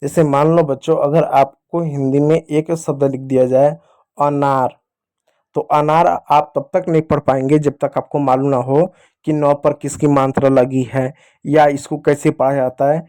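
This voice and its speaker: A man's voice: on the high side, level tone, normal speed, dark tone. A man teaching a beginner Hindi reading lesson, patiently repeating key points and talking to his viewers as children while he writes with a pen. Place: teaching at a board or screen with a pen.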